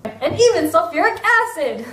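A young woman playing a pushy, excitable infomercial pitchwoman in a parody ad. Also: moderate pace. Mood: peppy salesmanship. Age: young adult. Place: office-like indoor room. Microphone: camera across the room. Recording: roomy indoor echo, background noise.

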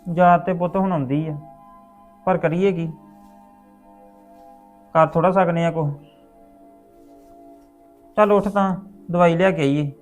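A man's voice: fairly high pitch, steady tone, unhurried, pauses often, faint music behind, natural voice. Man playing a caring widowed father. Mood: consoling. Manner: gentle, coaxing, fussing. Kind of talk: web series drama acting.

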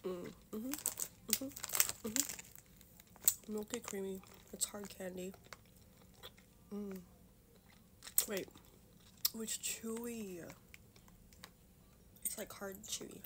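A woman talks while chewing candy, her words mushy and muffled, with soft murmured mm-hmms. Loud noise and crinkling wrappers sit behind her voice. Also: mid-range voice, steady tone, drawn-out words, pauses often. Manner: soft, murmuring mm-hmms between short remarks. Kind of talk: casual candy taste-test vlog.

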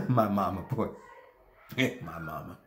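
A man acts out an anguished middle-aged husband in a theatrical monologue. He is a hammy stage performer, slow and emphatic, with long pauses. His pitch swings widely as he pleads over a broken marriage. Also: big pitch swings, a bit bright, heavily acted. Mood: rueful, resigned. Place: small plain room indoors.

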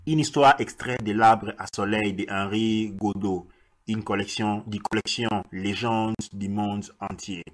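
A man, a radio host who reads a story aloud in a slow, deliberate way and sometimes stops to restart a phrase. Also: on the low side, steady tone. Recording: loud hiss, radio broadcast.

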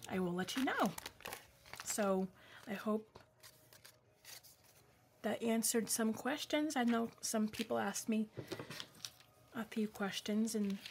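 A New England craft vlogger in her forties talks her way through a casual craft-along at home, drifting into warm, rambling asides peppered with ums. Her voice is medium in pitch, and a little hiss or hum runs through the audio. The overhead camera captures only her hands.

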